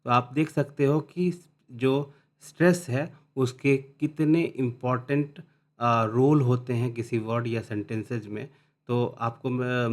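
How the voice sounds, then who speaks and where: Man teaching phonetics, slow readouts. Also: medium pitch. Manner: reads English definitions slowly, then explains in Hindi; restarts and repeats words while explaining. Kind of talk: explaining English phonetics.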